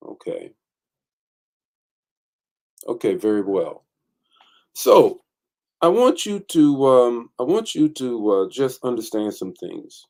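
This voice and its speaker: A man's voice: mid-range voice, big pitch swings, slow, long pauses, darkish tone. A man hosting an online morning teaching as bishop, greeting viewers by name and talking with many fillers.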